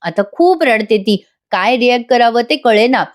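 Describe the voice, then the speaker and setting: Chatty lady doing a serial review voice-over, kinda high voice, talks right to the viewers. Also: expressive, moderate pace. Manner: chatty, addresses viewers directly.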